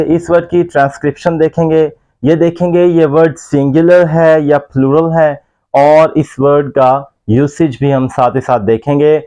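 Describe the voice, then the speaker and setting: A man's voice: mid-range voice, a little mellow. A man teaching English pronunciation in a YouTube lesson, speaking carefully and over-articulating the English examples.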